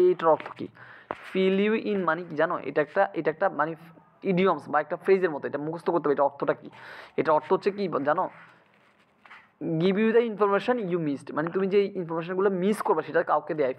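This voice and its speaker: A man teaching English grammar for exam prep, often pausing to ask his students if it is clear. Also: fairly high pitch, slight background noise, low-quality recording. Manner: keeps checking students understand with quick asks.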